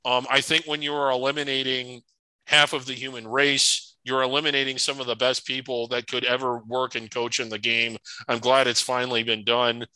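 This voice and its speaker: A man's voice: medium pitch, little pitch movement, moderate pace, bright, forceful tone, clean tone, no echo, low-quality recording. A man co-hosting a sports podcast, opinionated and prone to stumbling restarts. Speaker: podcast co-host. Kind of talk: casual sports podcast chat.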